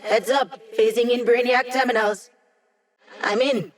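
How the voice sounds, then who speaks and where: A woman's voice: a little high, steady tone, measured pace, natural voice. Hack, cocky young hacker played by a woman. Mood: focused. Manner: casual, wry, self-assured, technical. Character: brisk, confident, playfully cocky young female hacker guiding a squad. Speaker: mission support operator in a video game. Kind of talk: scripted video game voice acting.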